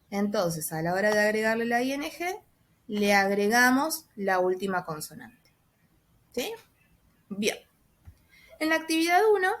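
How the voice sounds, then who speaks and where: A woman teacher walks through a lesson at an unhurried, deliberate pace. Her voice sits in a middle register, and she stretches out example sentences and spells letters one by one. She keeps checking in with a quiet, questioning tag as she goes. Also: mid-range voice. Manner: slow and patient, checks understanding with a soft "¿sí?" after each step. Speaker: English teacher. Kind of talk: recorded class explanation.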